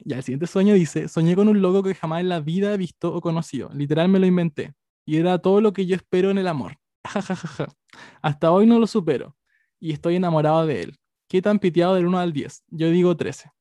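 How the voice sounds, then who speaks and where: A man's voice: sits high, fairly quick, warm tone, no room sound. A young Chilean man co-hosting a casual podcast, reading out listener dreams in a playful, slangy way. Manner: playful, laughs often, slangy. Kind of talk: casual chat, reading messages aloud.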